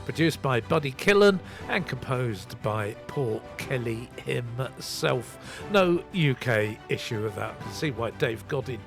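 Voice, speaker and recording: A man with a mid-range, creaky voice hosts a casual soul music radio show, speaking unhurriedly with lively intonation. As DJ, he chats away and pokes fun at himself while reading out record details.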